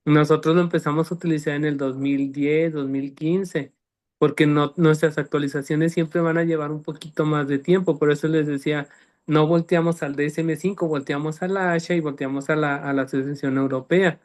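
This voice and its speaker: A man's voice: a little high, fairly even intonation, moderate pace, a little mellow. A man, a speech-language specialist, explaining clinical terms in a panel talk and often checking that listeners follow. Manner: didactic, checks understanding with "¿sí me explico?".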